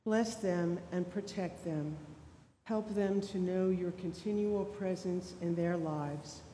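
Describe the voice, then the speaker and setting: A woman reading intercessory prayers slowly and deliberately, her voice carried by a cathedral echo. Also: mellow. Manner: slow, deliberate reading of names and petitions. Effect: cathedral echo, voice ringing through a large church. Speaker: prayer leader. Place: large church sanctuary. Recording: echoey church hall, distant mic, faint rumble.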